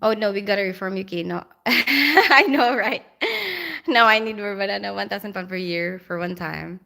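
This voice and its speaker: Woman, Filipino accent, bright voice, live-stream chat, reads comments aloud, laughs often. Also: medium pitch, moderate pace, gravelly. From Philippines. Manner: chatty, laughs often, speaks straight to viewers.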